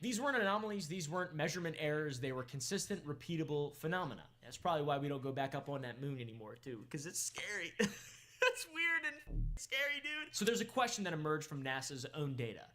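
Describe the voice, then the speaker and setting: A man's voice: on the high side, expressive, fast talker, hardly any pauses, a bit bright. A man hosting a comedic conspiracy commentary, rambling with jokey asides and mock-dramatic emphasis. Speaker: host. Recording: clear background music under voice.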